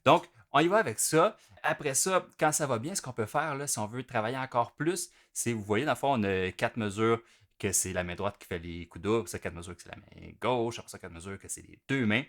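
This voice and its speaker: A man with a Québécois French accent teaching drums, explaining each step in a relaxed way as he demonstrates at the kit. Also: medium pitch, fairly quick. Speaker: drum teacher. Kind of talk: explanatory music lesson. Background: loud drum kit playing between phrases.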